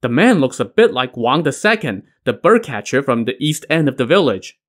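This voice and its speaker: A man's voice: mid-range voice, very animated, moderate pace. A man as a plain farm workhand. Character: sharp-eyed male farm workhand.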